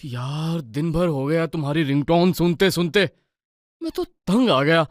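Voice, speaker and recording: Storybook husband: low, put-upon grumbler, a woman voicing him, dry studio sound. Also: animated, measured pace, no echo. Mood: annoyed. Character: weary grumbling husband, adult man.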